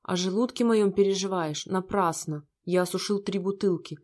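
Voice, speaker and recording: A woman's voice: medium pitch, moderate pace, darkish tone, lightly acted. A cold, bitter rich young man snaps out harsh, scornful lines, as a woman reads him in a storybook. He is plainly in the middle of a told story.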